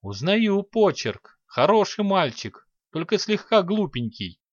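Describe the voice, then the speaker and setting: A man reading an audiobook, voicing a calm, naive male hermit sage who speaks slowly and with mild amusement. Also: sits high, dry recording, voice pushed up, exaggerated voice. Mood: amused. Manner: calm, slow, mildly amused. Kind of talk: audiobook character voice. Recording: dull dry recording.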